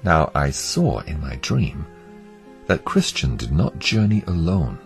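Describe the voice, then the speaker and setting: A man narrating an allegorical story in a measured, dramatic storytelling manner. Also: very deep voice, big pitch swings, vocal fry, soft background music.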